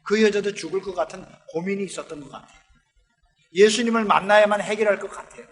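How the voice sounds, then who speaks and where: High-voiced pastor preaching in a reverberant hall. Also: male voice, quick pace. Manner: lively storytelling, acting out the Bible characters' lines. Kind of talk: sermon. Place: church sanctuary. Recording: long church hall reverb.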